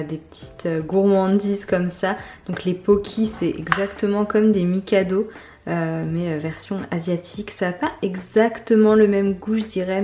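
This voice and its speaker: A woman's voice: on the low side, mellow, slight background noise. A young woman narrating a casual food vlog, gushing with enthusiasm about each dish. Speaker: food vlogger.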